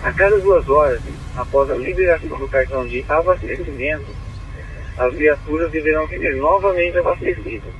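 Over tinny, narrow-band two-way police radio, a Brazilian-accented male dispatcher formally and courteously reads out codes and numbers. His voice is fairly high and moderately paced, with a little hiss or hum.

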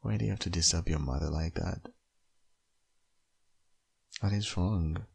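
In an ASMR audio roleplay, a man plays a caring, sleepy young father who is also an ex-boyfriend, sounding gentle, concerned, and hesitant. His low, husky voice comes at a measured pace in a heavily acted delivery.

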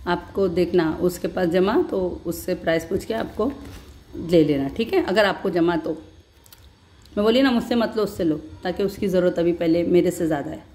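A woman's voice: lowish voice, normal speed, dark tone. Chatty woman telling a story while chewing. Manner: chatty storytelling, calls viewers "beta". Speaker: vlogger. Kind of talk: casual chat to viewers.

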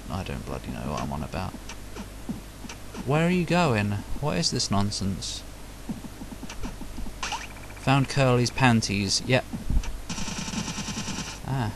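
A man's voice: on the low side, background noise. A man casually commentating his own gameplay, jokey and self-mocking, muttering asides. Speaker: let's play host. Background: loud game music.

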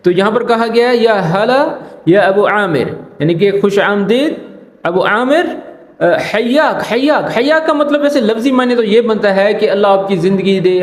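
A male tutor gives a casual Arabic lesson in a fairly high voice. He drills each phrase slowly and keeps asking whether his listeners follow. The room around him rings with echo. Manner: repeats phrases slowly, asks "ٹھیک ہے نا?" often. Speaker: Arabic teacher. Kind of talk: casual language lesson explaining drama lines.

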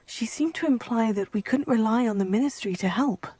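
A woman voicing a calm, curious student in a video game. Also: fairly high pitch, brisk, husky, no room sound. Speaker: player character.

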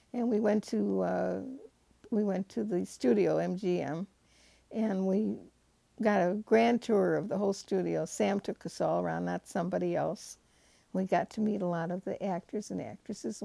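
An older woman reminiscing in a documentary interview. Her voice is very gravelly and dark, and the recording is dry and close. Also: medium pitch, dry recording.

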